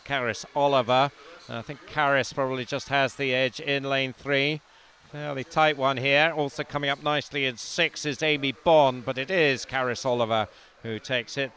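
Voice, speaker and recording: A man who is not from Wales gives live commentary at a swimming meet, calmly announcing lanes and times and raising his voice when finishes get close. His voice is mid-range, and there's a little hiss or hum.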